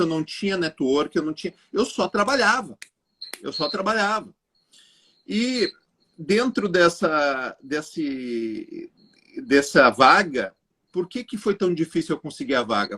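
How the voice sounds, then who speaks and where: A man, a guest telling an animated story straight to the viewers of a live chat. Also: on the high side. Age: 40s. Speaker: guest entrepreneur.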